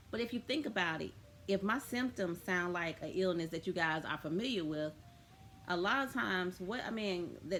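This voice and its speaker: A woman's voice: fairly low pitch, slight background noise. A woman vlogging casually about her spiritual experiences, rambling with many fillers and restarts. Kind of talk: casual spiritual vlog talk.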